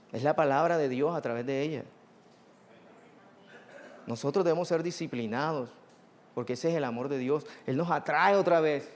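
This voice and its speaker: A man preaching a sermon, swinging from hushed, slow phrases to loud, drawn-out calls. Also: a little high. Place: church hall. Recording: long hall reverb.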